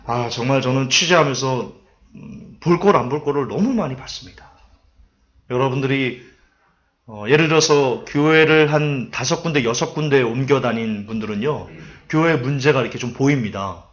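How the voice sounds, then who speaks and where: A man's voice: medium pitch, moderate pace. A man preaching a sermon, telling stories and acting out quotes to make his points. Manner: lively storytelling with acted-out quotes and asides. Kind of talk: sermon lecture. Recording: dull lo-fi recording.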